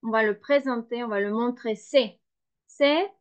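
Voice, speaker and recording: A woman teaching French, reading a dictation slowly and explaining each word with care. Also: on the high side. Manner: slow, careful, spells and explains each word. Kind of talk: slow dictation lesson. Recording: dull lo-fi sound.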